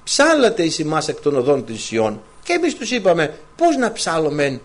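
A male preacher delivers a sermon in a fairly high voice that leaps up and down in pitch. He asks the congregation question after question and weaves in scripture. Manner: animated, rhetorical questions, quotes scripture.

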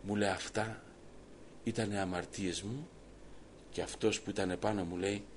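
A man's voice: on the low side, fairly even intonation, slight background noise. A man telling a personal story to his congregation as a sermon, quoting the dialogue at length. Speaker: preacher giving testimony. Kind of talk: sermon testimony.

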